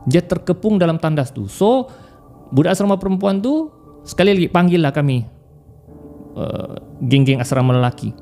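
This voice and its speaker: A young man telling a story in a lively, casual way. His voice sits a little high and swings widely in pitch as he laughs and mimics the people in it. Faint music plays behind him. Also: moderate pace, long pauses.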